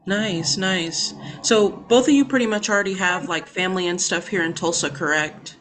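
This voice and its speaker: A woman's voice: on the low side, normal speed, fairly bright tone. A young woman who is a student, conducting a casual interview over a video call, friendly and full of fillers like um and you know.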